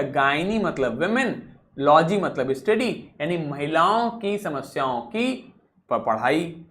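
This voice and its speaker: A male teacher giving a vocabulary lesson, who repeats key words and keeps asking the class rhetorical questions. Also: sits high.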